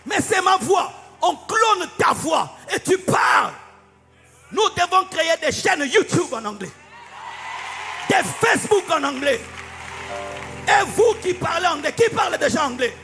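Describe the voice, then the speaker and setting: A man preaches a fiery sermon, shouting and half-singing his lines. His voice sits very high with a gravelly edge and a bright, tense tone. He sounds like he is in a large hall with long reverb and faint music behind. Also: big pitch swings, unhurried, pauses often, crowd noise. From DR Congo. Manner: fiery preaching, often shouting and sing-song. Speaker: pastor.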